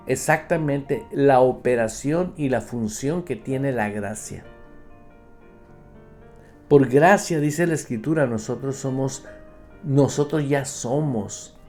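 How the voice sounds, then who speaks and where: A man's voice: medium pitch, a little mellow. A man preaching a radio sermon as pastor, emphatic, often speaking straight to his listeners as brother. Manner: emphatic preaching, acts out believers' complaints; addresses listeners directly as brother.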